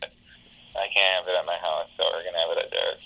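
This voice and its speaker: A man's voice: deep voice, little pitch movement, a little fast, pushed and bright, dull audio. Man heard through a phone speakerphone. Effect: heard over a phone on speakerphone. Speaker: caller, friend of the host. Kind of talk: casual chat.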